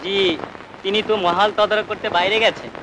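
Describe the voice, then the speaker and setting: An actor playing an eager, friendly servant who chats respectfully in an old Bengali film. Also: male voice, sits high, level tone, fairly quick, background noise, lightly acted.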